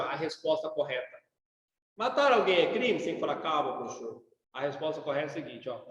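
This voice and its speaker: A man's voice: high-pitched, fairly bright tone. Echoey Brazilian man lecturing casually. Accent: Brazilian Portuguese. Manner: colloquial, rhetorical questions and tags like "sacou?". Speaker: law professor. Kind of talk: informal classroom lecture. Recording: very echoey hall, long reverb.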